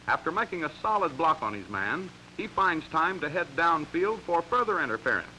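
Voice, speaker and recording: With a sing-song lilt and a sharp edge, this fairly high male voice reads instructional narration for a 1940s American sports training film at a moderate pace. His delivery is crisp and emphatic, and the low-quality vintage audio has a bit of hiss or hum.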